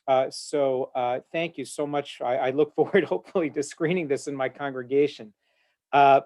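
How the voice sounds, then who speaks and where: This man's voice is a bit high and somewhat dark in tone. Speaking as a rabbi on a discussion panel, he joins by video call from his home office, sounding earnest and eloquent but often filling gaps with "uh."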